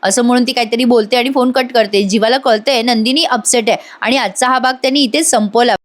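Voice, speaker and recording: A woman's voice: fairly high pitch, steady tone, brisk. A woman giving a chatty voice-over review of a TV serial, addressing her viewers directly, with a slightly strained voice.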